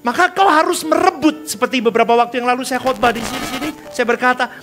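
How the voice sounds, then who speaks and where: A male pastor giving a lively sermon in church, joking with the congregation and calling for responses, dropping in English words. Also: very high-pitched, fast, over music. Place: church service before a congregation.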